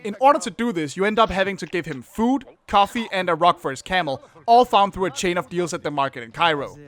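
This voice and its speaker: A man's voice: high-pitched, animated, fast talker, a bit bright. A man narrating a comedic video game review, jokey and full of exaggerated outbursts.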